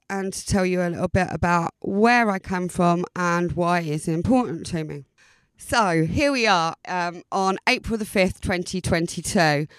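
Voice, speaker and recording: A woman from Essex, with the local accent, hosts an informal podcast monologue. Her voice is clean and smooth, sitting a little low, in a very dry recording. She chats hesitantly, repeating words to underline them. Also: no room sound. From Essex, England. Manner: chatty, hesitant, often repeating words for emphasis. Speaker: podcast host.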